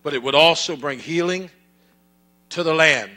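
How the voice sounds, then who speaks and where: High-voiced, bright-toned preaching pastor. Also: male voice, normal speed. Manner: preaching with rising fervor, repetitive cadence. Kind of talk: sermon.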